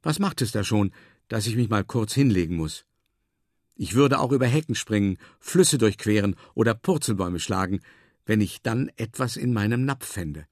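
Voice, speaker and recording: A man reading a children's story in the first person as a dog, in a calm, measured way with drawn-out emphasis. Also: lowish voice, dry recording, studio quality. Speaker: audiobook narrator.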